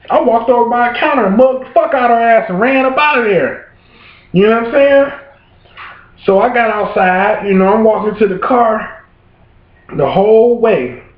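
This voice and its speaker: High-voiced man ranting in an echoey room. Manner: rambling, swears constantly, keeps asking "you know what I'm saying". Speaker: vlogger. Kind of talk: profane ranting monologue. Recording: roomy, dull lo-fi room sound.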